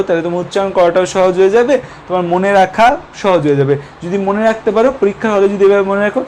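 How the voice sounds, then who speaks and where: Young male tutor, high-pitched, repetitive Q-and-A lecture style, faint noise floor. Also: darkish tone. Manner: repetitive question-and-answer teaching, code-mixing English terms. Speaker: biology teacher. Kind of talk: online lecture.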